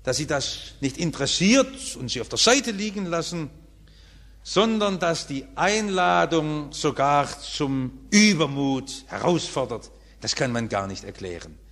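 Emphatic German pastor preaching in a hall. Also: male voice, animated, unhurried. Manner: emphatic preaching with wide swings in pitch and loudness. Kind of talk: sermon. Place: church. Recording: church hall reverb.

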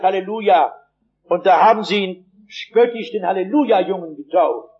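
A man's voice: high voice, darkish tone, highs cut off. A male preacher delivering a sermon, telling stories vividly and emphatically with dry humor.

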